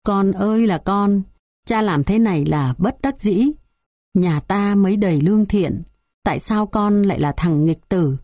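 A woman's voice: medium pitch, dark tone, no echo, clean studio sound. A woman voicing an old, frail village father and healer who speaks sternly and sorrowfully in a storybook tale.

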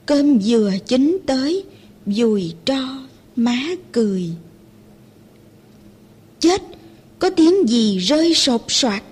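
A woman reciting poetry with measured, dramatic declamation. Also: fairly high pitch, warm tone, husky.

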